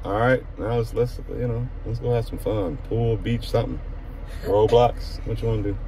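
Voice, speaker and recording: A man's voice: lowish voice, fairly even intonation, moderate pace, dark tone, slight background noise. A man in his thirties casually vlogging a road trip on a phone held at arm's length, chatting easily and repeating himself. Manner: easygoing, repeats phrases, chats to his son. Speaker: vlogger father. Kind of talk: casual travel vlog. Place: car, hotel and outdoors. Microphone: phone camera held at arm's length.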